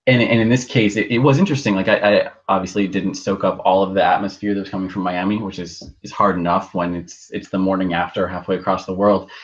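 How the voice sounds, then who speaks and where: A man talking as a podcast co-host in casual chat, heard through a low-quality internet call, halting and often restarting his words. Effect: low-quality internet call audio. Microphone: video call. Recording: dull lo-fi video call line.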